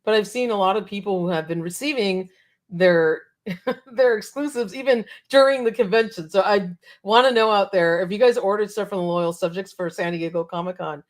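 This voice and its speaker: A woman co-hosting a casual talk show, chatty and quick to laugh, her voice a little cracked. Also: medium pitch. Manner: chatty, laughs often, reads out viewer comments. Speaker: podcast co-host. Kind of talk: casual chat.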